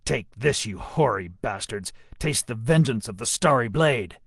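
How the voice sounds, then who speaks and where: A man's voice: medium pitch, steady tone, moderate pace, a bit bright, no echo, studio quality, natural voice. A man voicing a vengeful sword-bearing warrior who speaks in grim, snarling threats.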